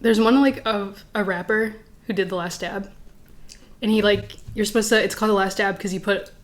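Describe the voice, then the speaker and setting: A woman's voice: mid-range voice, steady tone, brisk. A young woman hosting a vlog, chatting casually and laughing often while tasting hot sauce, cursing freely. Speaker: vlog host.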